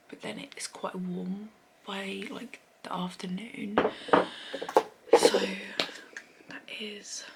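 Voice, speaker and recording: A young British woman chatting in a soft unvoiced whisper, rambling casually through her day as a vlogger. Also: mid-range voice, vocal fry. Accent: British English. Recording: noisy home recording.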